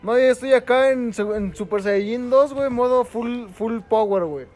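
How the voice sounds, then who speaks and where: A young man with a Mexican Spanish accent throws quick, slangy jokes and reactions into a chat with friends. His voice sits high for a man. Loud, clear music runs beneath the talk. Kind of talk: casual chat among friends. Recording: music playing in the background.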